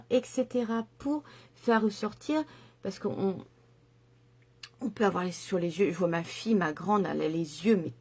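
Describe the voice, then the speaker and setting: A woman's voice: a little high, warm tone. A middle-aged woman chatting enthusiastically through a makeup tutorial, with lots of fillers and asides. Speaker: makeup vlogger.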